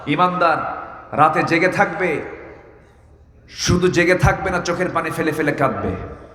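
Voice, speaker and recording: A man from Bangladesh preaching a fervent, sing-song sermon, with shouted calls for the crowd to answer. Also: a little high, measured pace, echoey room, big-room sound, distant mic.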